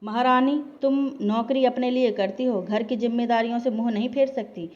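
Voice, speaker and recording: A woman voicing a stern older mother-in-law who scolds her daughter-in-law in sharp, taunting words. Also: a little high, normal speed, muffled recording, close to an everyday voice. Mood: scolding.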